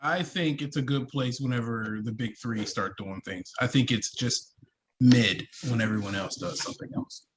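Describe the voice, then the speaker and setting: A man's voice: medium pitch, moderate pace, rough recording. Joking man on a podcast. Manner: joking, laughs often. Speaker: podcast co-host. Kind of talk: casual chat.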